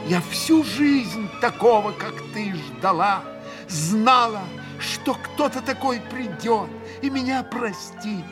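A man's voice: high-pitched, lively intonation, slow, music in the background, voice pushed up. A man reading aloud and voicing a passionate young woman who lurches between fury and tears, with hysterical cries. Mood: anguished frenzy. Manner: hysterical outbursts, bitter and sobbing.

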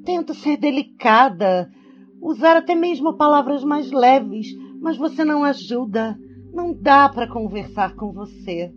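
A woman's voice: high voice, animated, a little slow, muffled recording, soft background music. A woman playing a snobbish, controlling middle-aged rich mother in a radio soap opera, haughty, scolding and melodramatic.

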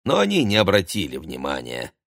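A man reading a story aloud, with a low voice that still rises and falls in a lively way. The recording is close and dry, with no room sound. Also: a little fast, gravelly, dry recording. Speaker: audiobook narrator. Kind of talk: scripted narration.

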